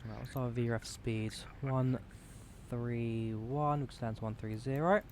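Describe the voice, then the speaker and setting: Guy chatting through his flight sim game, calling out steps, average pitch, bit of rumble. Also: steady tone, a little slow, darkish tone. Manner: narrates his actions and checklists as he goes. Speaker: flight simulator player. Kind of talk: casual gameplay commentary. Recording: faint engine rumble behind.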